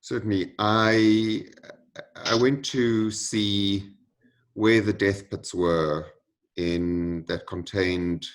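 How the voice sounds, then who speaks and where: A man giving interview answers in a measured, solemn way. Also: low voice. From United States. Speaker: interview guest.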